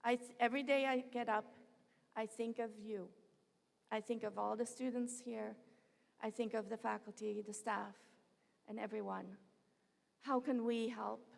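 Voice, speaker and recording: A woman's voice: fairly high pitch, steady tone, moderate pace, gravelly, pauses often. A woman who is a university president, giving a heartfelt, personal commencement address that drifts off script, speaking at a podium microphone in a large venue. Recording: long reverb of a large hall.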